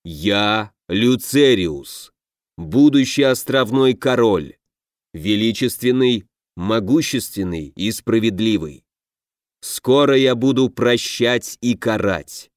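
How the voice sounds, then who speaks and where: A man voicing a proud, grumpy half-orc who calls himself a future king, speaking slowly and pompously in a low growl. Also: animated, no echo, studio quality. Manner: growling, pompous, slow deliberate.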